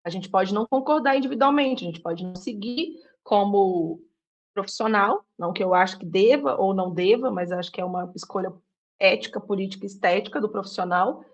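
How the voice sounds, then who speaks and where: A woman's voice: medium pitch, fairly quick, lo-fi sound. Reflective woman health worker. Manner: reflective, questioning, many fillers. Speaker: mental health worker in the public system. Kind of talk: casual panel discussion.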